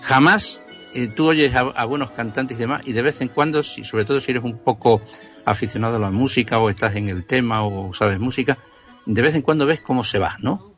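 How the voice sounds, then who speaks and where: Enthusiastic Spaniard on dull lo-fi radio. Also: male voice, mid-range voice, a little fast, a bit bright, soft background music. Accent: Spanish from Spain. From Extremadura, Spain. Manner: enthusiastic, explanatory. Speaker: music history contributor. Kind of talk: casual radio conversation. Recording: dull lo-fi sound.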